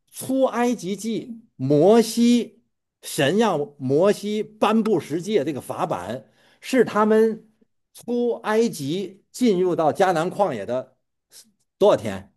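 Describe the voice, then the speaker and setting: A man's voice: sits high, sing-song, takes it slowly, darkish tone. A man preaching a sermon in a casual storytelling way, often repeating words as he talks, with chuckling asides and questions put to his listeners. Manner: stammering repetitions, chuckling asides, quizzing listeners.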